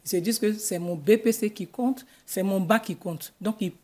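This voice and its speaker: Middle-aged woman, Ivorian French accent, husky mellow voice, guidance counselor on TV, desk mic. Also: mid-range voice. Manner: measured, explanatory, gestures with her hands. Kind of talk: studio TV interview. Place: TV news studio. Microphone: desk microphone.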